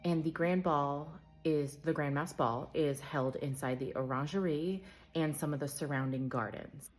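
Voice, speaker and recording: A woman vlogger explaining and comparing two events in a conversational way, with frequent fillers and self-corrections. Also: deep voice. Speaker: travel vlogger. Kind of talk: casual explainer talk.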